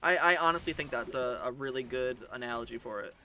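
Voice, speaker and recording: Laid-back man with a sharp, bright voice. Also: mid-range voice, fast talker, a little hiss or hum. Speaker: gaming co-host. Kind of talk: casual chat while playing a game.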